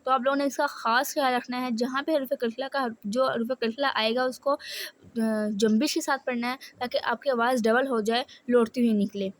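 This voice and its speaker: Woman, Pakistani Urdu accent, Quran reading teacher, high voice, flat even tone, repetitive syllable drills. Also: slight background noise. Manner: drills syllables slowly and repeats them, explains in quick bursts. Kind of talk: step-by-step spelling and recitation lesson.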